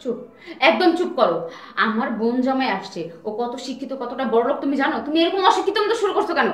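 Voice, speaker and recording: A woman's voice: sits high, expressive, fast talker, reverberant. An actress playing a snobbish daughter-in-law who defends herself haughtily and is ashamed of her father-in-law. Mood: defensive haughty. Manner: defensive, haughty, snapping back.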